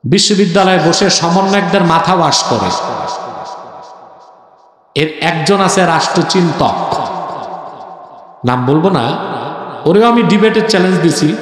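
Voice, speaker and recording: A Bangladeshi Bengali-speaking man preaching a fiery sermon in a large tent, tired and slow-paced, chanting lines in a sing-song cadence and calling out to the crowd for answers. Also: high voice, lively intonation, soft background music. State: physically tired, speaking slowly. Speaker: Islamic preacher. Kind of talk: fiery open-air sermon. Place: large packed tent at a religious gathering. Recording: very echoey public address in a big tent.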